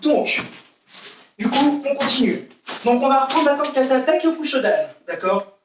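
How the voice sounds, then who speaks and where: Karate teacher in a very echoey room. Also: male voice, very high-pitched, expressive, moderate pace, far from the mic, background noise. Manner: counts and calls out techniques, shouts commands. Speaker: karate instructor. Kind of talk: live online class instruction. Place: room at home with window. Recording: very echoey room, away from the mic.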